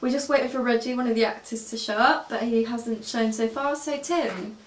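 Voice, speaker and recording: A woman interviewing cast members in a bright, upbeat way. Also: on the high side, moderate pace. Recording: echoey room, distant mic, faint noise.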